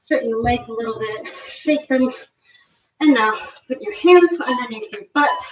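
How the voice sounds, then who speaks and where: A woman fitness instructor leading a live workout, giving energetic, encouraging cues and counting reps, a little out of breath. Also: a little high, moderate pace. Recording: roomy, distant, dull lo-fi sound.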